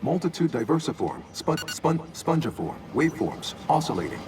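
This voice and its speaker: A glitching male archive AI from a video game, looping on errors and chopping his words into stuttered fragments. The voice swings widely in pitch. It sits back from the mic under a steady hum of machinery. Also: moderate pace. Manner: repeats and cuts off syllables, error loops. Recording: distant game audio with loud hum.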